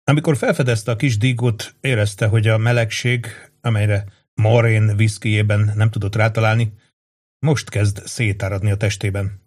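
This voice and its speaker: A man narrating a novel as an audiobook, in a steady storytelling manner. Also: lowish voice. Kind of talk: scripted narration.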